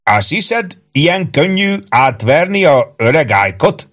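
A man's voice: on the high side, sing-song, a bit bright, voice pushed up. A man voicing a bossy, suspicious army sergeant who bellows orders in rustic, slurred speech.

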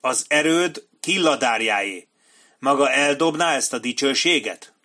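A man's voice: medium pitch, animated, sharp tone, voice pushed up. A man voicing a fierce, stern prince who barks orders and hisses threats. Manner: hissing, commanding.

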